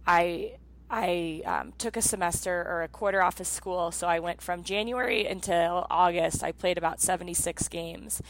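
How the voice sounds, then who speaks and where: A woman's voice: on the low side, fairly even intonation, moderate pace, poor audio. A woman in her thirties hosting an interview, a former soccer player who talks empathetically and fills her sentences with "um" and "you know". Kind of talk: casual interview conversation.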